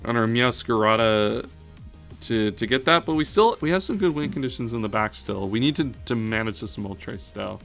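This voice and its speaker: A man's voice: medium pitch, animated, normal speed, vocal fry, a bit bright, faint music behind. A man giving thinking-aloud commentary on a competitive battle, analytical and often correcting himself mid-sentence. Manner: analytical, self-correcting, frequent "um" and "uh".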